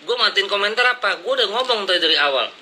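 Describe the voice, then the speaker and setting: A man's voice: sits high, animated, quick pace, sharp tone, slight background noise, low-quality recording. A man ranting at his critics in blunt, confrontational slang, lecturing them from his seat. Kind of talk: heated casual rant to camera. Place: seated indoors, smoking and drinking coffee.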